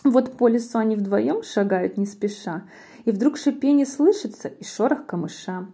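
A woman reading a rhyming children's storybook aloud with lively, rhythmic narration. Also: fairly high pitch, moderate pace, slightly rough. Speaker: storybook reader.

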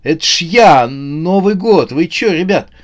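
Stammering, flustered young man, pitched up, played by the male narrator. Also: lively intonation, measured pace. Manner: stammering, pleading.

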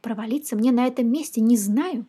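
A woman's voice: fairly high pitch, a little fast, dark tone, breathy edge. A woman voicing a meek, honest male tramp who answers humbly in a storybook reading. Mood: pleading. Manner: humble, pleading replies.

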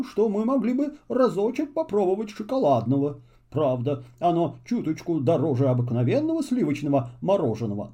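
A man voicing a polite, shy and lonely little male traveler in a children's story, speaking slowly and courteously. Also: sits high, warm tone, voice pushed up, exaggerated voice. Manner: slow, courteous and hesitant.

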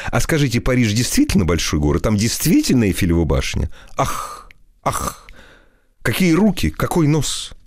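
Guy doing a breathless gushing flatterer, all sighs and oohs, dry close sound. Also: medium pitch, dry recording, pitched above the performer's own voice. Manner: breathless gushing with sighing exclamations. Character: fawning excitable male wit gushing compliments.

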